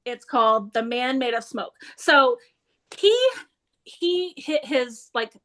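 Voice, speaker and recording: A woman book reviewer talks about her favorite thrillers with bubbling enthusiasm, stumbling over her words in her hurry. Her voice is bright and forceful and sits a little high. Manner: enthusiastic, laughing, restarts words often. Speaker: book reviewer and book club leader. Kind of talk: casual chat about books.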